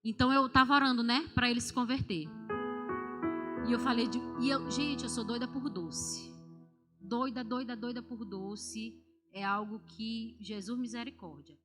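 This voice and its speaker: Woman, 30s, church testimony, animated and confiding, long sanctuary reverb, worship music behind. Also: a little high, normal speed. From Brazil. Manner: animated, confiding storytelling that speaks straight to the congregation. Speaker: church member giving testimony. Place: large church sanctuary during a service. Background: instrumental worship music.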